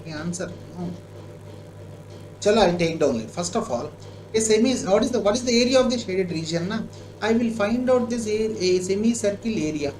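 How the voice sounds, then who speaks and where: A man's voice: sits high, expressive, normal speed, a little mellow. A man with an Indian accent teaching a live online maths lesson, working a problem aloud, repeating himself and asking checking questions. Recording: echoey room with clear background noise.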